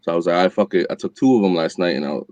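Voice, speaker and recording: Brief: man, dark, lively, muffled through-a-wall sound, dry lo-fi computer mic. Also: deep voice, no room sound. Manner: slangy, quick, laid-back. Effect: muffled, as if heard through a wall. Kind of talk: casual podcast chat. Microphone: computer microphone instead of headset.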